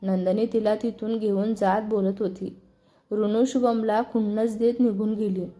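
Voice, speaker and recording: Mellow woman narrating a story. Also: medium pitch, level tone, measured pace.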